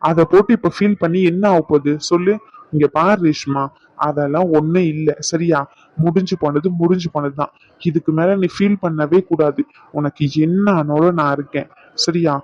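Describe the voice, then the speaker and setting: A man's voice: fairly high pitch, no echo, natural voice. An actor playing a caring younger brother who reassures his sister and scolds her fondly. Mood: reassuring. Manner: reassuring, warm-hearted teasing, affectionate scolding. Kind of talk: family drama acting. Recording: dull dry sound.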